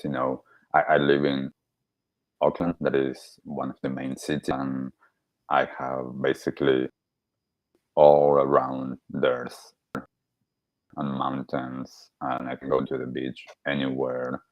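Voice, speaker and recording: A man born in Argentina with an extremely deep, very even voice speaks in a halting way, restarting his sentences often. The audio is dry and a little dull, as from a remote call. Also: no room sound. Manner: halting, with many restarts and fillers. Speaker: podcast guest, wellbeing coach. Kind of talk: casual interview talk.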